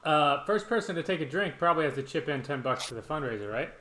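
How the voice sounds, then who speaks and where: Roomy-sounding middle-aged man, halting storyteller. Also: fairly high pitch, expressive, a loud crowd. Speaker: podcast host and challenge organiser. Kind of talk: casual chat and storytelling. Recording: roomy, echoing sound with background noise.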